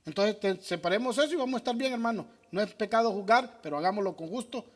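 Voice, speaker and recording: A high-pitched, fast-talking man preaches as a pastor, taking questions from his congregation. His style is emphatic, raising questions and answering them himself.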